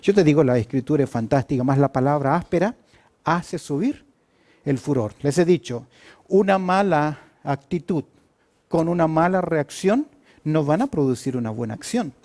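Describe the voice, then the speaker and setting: Mellow-voiced preacher man. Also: a little high, normal speed. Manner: rhetorical questions answered himself, frequent fillers; lively preaching with sudden loud emphasis. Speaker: pastor. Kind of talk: sermon.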